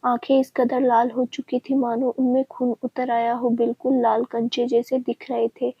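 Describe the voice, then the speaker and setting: A woman narrating a family story in a steady, even reading voice. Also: a little high, moderate pace, husky, dry recording. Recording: dry, dull lo-fi sound.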